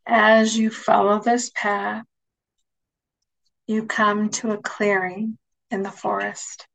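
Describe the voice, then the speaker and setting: Taking it slowly, a woman instructor talks listeners through guided relaxation imagery in a soft, soothing mid-range voice. The tone stays level, phrases fade toward a breathy near-whisper, and the audio quality is poor.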